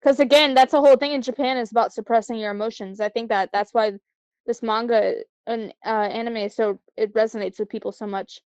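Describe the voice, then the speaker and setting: Chatty young woman, slightly high voice. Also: fairly even intonation, darkish tone, no room sound, muffled recording. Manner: chatty, reflective, quick to laugh. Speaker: podcast co-host. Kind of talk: casual anime discussion.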